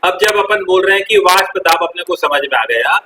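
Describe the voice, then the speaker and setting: A male teacher lectures in a bright, forceful voice, firing questions at the class and echoing back their answers. His voice rings around an echoey classroom with a faint hiss beneath it. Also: high voice, lively intonation, brisk. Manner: quizzes students and repeats their answers, calls them "beta". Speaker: chemistry teacher. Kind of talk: classroom lecture with call-and-response.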